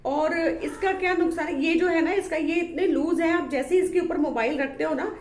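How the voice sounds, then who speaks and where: Woman, high voice, casual vlog chatter, filler-heavy, complaining, roomy echo. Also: normal speed, a little mellow. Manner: chatty, filler-heavy, complaining about poor product quality; showing items while talking. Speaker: vlogger. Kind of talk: casual vlog talk to camera.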